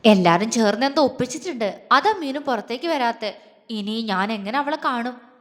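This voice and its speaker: A woman's voice: a little high, lively intonation, moderate pace, natural voice. Brooding young man voiced by a woman; subdued, reverb. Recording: long reverb.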